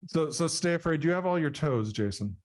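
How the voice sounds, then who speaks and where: A man's voice: on the high side, lively intonation, brisk. A man hosting a podcast, chatting casually and putting playful, teasing questions to a guest. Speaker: podcast host. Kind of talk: casual interview chat.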